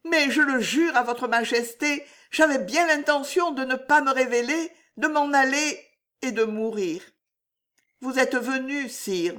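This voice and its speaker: A woman's voice: high voice, fairly bright tone, voice pushed up. A woman reading an audiobook, voicing a passionate, tearful young woman pleading with a king. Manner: pleading, emotional, breathy at times.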